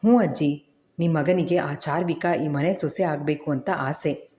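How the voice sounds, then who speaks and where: A woman's voice: low voice, steady tone, a little slow, warm tone, slightly rough. A woman reading the part of a loving, troubled young husband in an audio story, earnest and pleading. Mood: frustrated.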